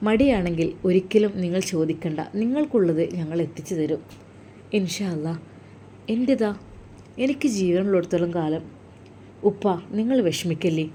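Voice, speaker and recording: A woman with a Malappuram accent voicing a kind young man who gently comforts a sick elder. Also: on the low side, slight background noise, lightly acted. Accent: Malappuram Malayalam. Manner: gentle, reassuring, pleading. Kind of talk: storytelling role-play.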